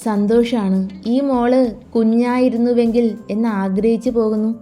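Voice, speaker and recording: A woman voicing a grieving, tender father who speaks slowly and heavily. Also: on the high side, steady tone, warm tone, faint music behind, lightly acted. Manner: slow, heavy, tender.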